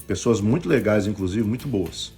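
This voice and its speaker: A man with a Brazilian Portuguese accent, a bishop preaching a sermon on a live stream, telling stories and acting out the voices in them, swinging between loud bursts and hushed asides. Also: on the low side, expressive, moderate pace, faint music behind. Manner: acts out quoted voices in his stories.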